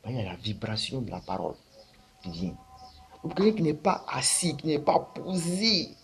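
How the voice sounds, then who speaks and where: Animated man explaining in casual chat. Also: mid-range voice, moderate pace, gravelly, soft background music. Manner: animated, rhetorical questions. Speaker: spiritual teacher.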